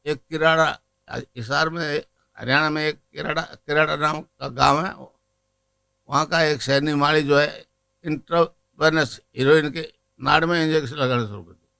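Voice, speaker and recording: A man's voice: a little high, fairly even intonation, moderate pace, gravelly, long pauses, pushed and bright, clear, resonant tone, poor audio. An older Indian man, a guru giving a spiritual discourse to a gathering, telling stories and leading a mantra chant. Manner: storytelling, then leads chanting of a mantra.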